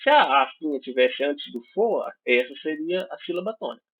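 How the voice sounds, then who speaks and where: A Brazilian man with a slightly high, breathy, expressive voice teaches an online English class at a normal pace, explaining things patiently. He keeps checking on his students with "certo?" and "né?", and his Brazilian Portuguese accent comes through tinny, phone-like audio.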